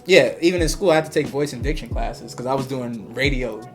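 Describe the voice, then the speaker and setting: A young man from New York co-hosting a podcast, speaking in a relaxed, motivational way and saying "you know" often. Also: mid-range voice, fairly quick, music in the background. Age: young adult. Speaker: podcast co-host. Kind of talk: casual podcast chat.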